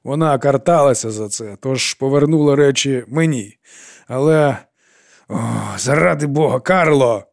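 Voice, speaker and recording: A man reading an audiobook and voicing an older woman with arthritic hands who speaks in a measured, firm tone. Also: mid-range voice, a little mellow, no echo, clean studio sound, voice pushed up, lightly acted. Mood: stern, exasperated. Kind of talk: audiobook character voice.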